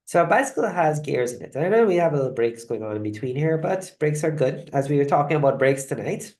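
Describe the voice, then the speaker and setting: A woman from Guyana hosting a live online wellness session. She speaks in a conversational, halting way and often checks in with "right?". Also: low voice, very animated, darkish tone. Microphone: video call mic.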